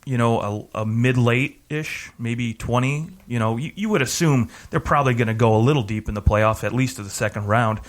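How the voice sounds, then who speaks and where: A man's voice: medium pitch, fairly quick, few pauses. A man co-hosting a casual hockey podcast, teasing his partner and giving analysis with lots of fillers. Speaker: podcast co-host.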